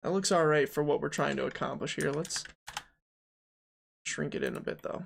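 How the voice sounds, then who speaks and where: A man's voice: a little high, moderate pace, gravelly, slight background noise. A young man streaming game development, chatting casually, thinking aloud and answering his chat as he models.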